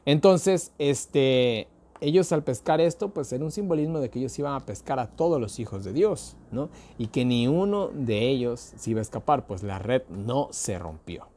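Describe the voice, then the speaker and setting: A man from Ecuador leads an informal Bible lesson in a warm, mellow voice, neither high nor low. He explains things conversationally and keeps checking in with tag questions. His sentences stall on fillers and restart often. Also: lively intonation, normal speed. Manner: conversational and explanatory, addressing listeners directly. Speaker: Bible teacher. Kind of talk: casual Bible study talk.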